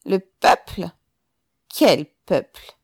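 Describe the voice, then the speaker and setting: A woman's voice: extremely slow, a little mellow, dry recording, studio quality. A woman voicing a cold, brutal middle-aged police commissioner who barks contemptuous commands in an audiobook. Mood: cold contempt.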